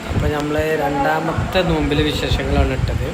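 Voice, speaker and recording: A man's voice: a little high, steady tone, moderate pace, over a noisy crowd. Palakkad-accented man vlogging, English words mixed in. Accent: Kerala Malayalam, Palakkad area. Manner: mixes English words into Malayalam. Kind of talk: casual travel and food vlog narration.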